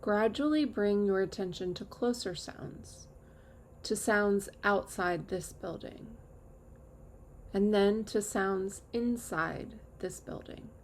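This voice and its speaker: A woman teacher leading a guided meditation with calm, measured instructions and long pauses. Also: mid-range voice, slight background noise. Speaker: yoga nidra teacher.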